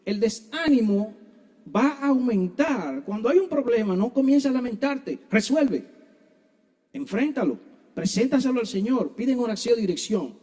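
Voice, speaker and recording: A man's voice: very high voice, animated, moderate pace, dark tone. A man preaching a sermon in church, earnestly addressing his listeners as brothers.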